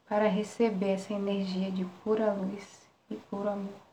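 A Brazilian woman guiding a relaxation meditation in a soft, soothing spa-like manner, with long pauses between short phrases. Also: mid-range voice, level tone. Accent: Brazilian Portuguese. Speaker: meditation guide. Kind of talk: guided relaxation meditation, live. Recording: roomy echo, faint background noise.

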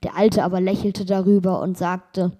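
Breathy, mellow woman reading fairy tales. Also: on the low side, level tone, normal speed. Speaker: fairy tale reader. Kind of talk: fairy tale read-aloud.

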